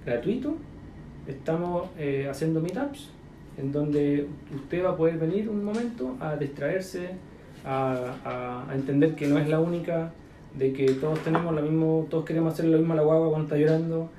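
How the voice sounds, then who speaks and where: A man with a Chilean accent coaching entrepreneurs in a loose, slang-filled chat. His voice sits a little high but sounds mellow and warm. The recording is echoey, with a faint hiss behind him. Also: moderate pace. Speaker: business mentor. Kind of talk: casual mentoring chat. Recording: echoey room.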